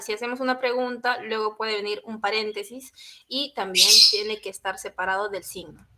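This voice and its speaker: A woman's voice: a little high, pushed and bright. A young woman from Peru, a university student giving a class presentation in an explanatory way, often adding a short tag question.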